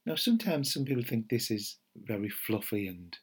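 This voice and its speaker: A middle-aged man, a meditation teacher giving a gentle, unhurried podcast talk with fillers and restarts. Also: fairly low pitch, animated, husky.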